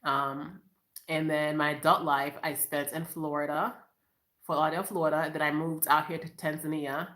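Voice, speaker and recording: A woman's voice: low-pitched, flat delivery, moderate pace, a bit bright. A woman from Boston, a mother of five, chatting casually and upbeat with viewers on a live stream at home, often laughing and calling them you guys. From Boston, USA. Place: at home, in her room. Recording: echoey room.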